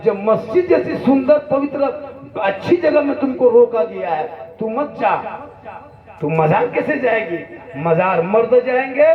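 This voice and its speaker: Man, Jharkhand Hindi accent, slow deliberate preaching, joking and repetitive, dull distant recording. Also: sits high, roomy sound. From Jharkhand, India. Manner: joking, rhetorical, repeats phrases for emphasis. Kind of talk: humorous religious sermon. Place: conference stage before a crowd.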